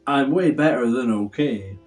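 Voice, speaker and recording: A man voicing an excitable, childlike male creature in a penguin's body, in a hammy, theatrical storybook manner. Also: medium pitch, a little slow, faint music behind, lightly acted. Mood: smug, amazed. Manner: hammy, theatrical, gleeful and easily distracted.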